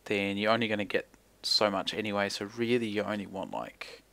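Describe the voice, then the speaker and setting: Low, creaky man with broad Kiwi accent. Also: a little fast, bright, forceful tone. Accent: broad New Zealand. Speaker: gaming video creator. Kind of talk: casual gameplay commentary, thinking aloud. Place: indoor room at home.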